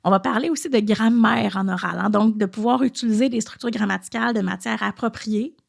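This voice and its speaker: A woman's voice: mid-range voice, brisk, vocal fry. A woman with a Québécois French accent, a podcast host and French teacher, explaining at an easy pace and thinking aloud with frequent hesitations.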